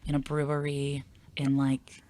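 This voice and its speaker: A woman's voice: very deep voice, completely flat delivery, measured pace, warm tone. A woman comedian from the Philadelphia area, chatting casually as a podcast guest with many fillers and restarts.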